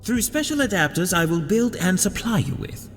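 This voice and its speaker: A man's voice: high voice, big pitch swings, moderate pace, a bit bright. A man voicing a vain, scheming villain doctor in a comic dub, with pompous, theatrical, articulate delivery. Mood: condescending. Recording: music behind the voice.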